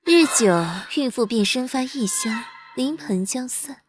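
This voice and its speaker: A high-voiced, haughty imperial consort who commands with icy contempt. She plots coolly and snaps orders as if the whole palace answers to her. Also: expressive, measured pace, music in the background. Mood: menacing. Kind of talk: period costume drama acting.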